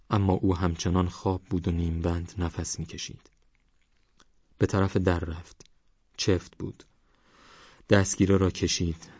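A man narrating a novel as an audiobook in a measured, even storytelling manner. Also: low voice, slightly rough, dry recording. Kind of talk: scripted narration. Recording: dry, slightly dull recording.

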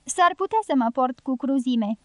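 A blunt, teasing guerrilla woman with a strong, pleasant voice, as a woman reads her out. The voice sits high and the recording is dry and close, with no room sound. She jokes with an edge. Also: expressive, no echo. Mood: bold teasing. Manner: teasing, forceful.

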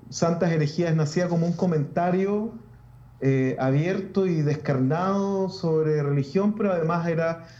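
A Chilean man, a Lutheran pastor, talking reflectively in a casual interview with many restarts and pauses. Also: on the high side, warm tone, echoey room, lo-fi sound.

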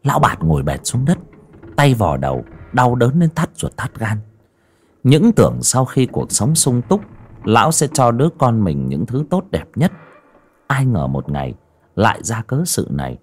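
Husky, expressive male storyteller. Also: mid-range voice, moderate pace. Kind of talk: dramatic horror audiobook narration.

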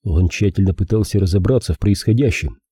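A man narrating an audiobook in a measured, expressive way. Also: low voice, husky, no room sound, studio quality. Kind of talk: scripted narration.

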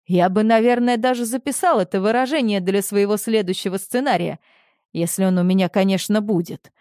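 A man's voice: fairly quick, a little mellow, no echo, clean studio sound, natural voice. A woman voicing a hysterical, pompous middle-aged male producer who rants shrilly. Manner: shrill, panicky, ranting.

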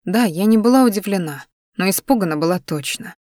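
A woman narrating a first-person story in an even, measured audiobook reading. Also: medium pitch, no room sound, clean studio sound.

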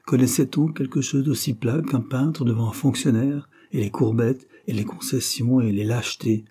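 A man reading a classic novel aloud as an audiobook narrator, in an even, measured way. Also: medium pitch, husky.

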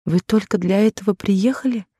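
A woman's voice: mid-range voice, steady tone, measured pace, dark tone, no room sound, clean studio sound. A woman voicing a timid young working-class maid who pleads and refuses in a raised, tearful voice. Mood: pleading.

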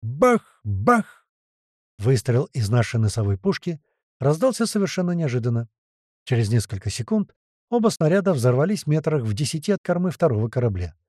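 A man narrating an audiobook in the first person, with lively, slangy storytelling. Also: mid-range voice, a little fast, no room sound, studio quality.

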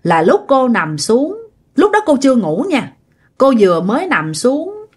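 A woman's voice: high-pitched, wildly swooping pitch, measured pace, slightly rough. A woman narrating a ghost story in a conversational way, speaking directly to her listeners.

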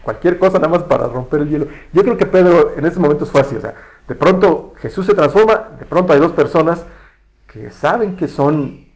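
A man preaching a relaxed, conversational sermon, often correcting himself and asking the congregation questions. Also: on the high side, fairly quick, poor audio. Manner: relaxed, self-correcting, asks the audience questions.

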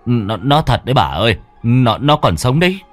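A man's voice: mid-range voice, sing-song, moderate pace, close to an everyday voice. A man voicing a shaken elderly village father who stammers and exclaims, repeating his words. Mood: shaken exclaiming. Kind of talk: storytelling role voice.

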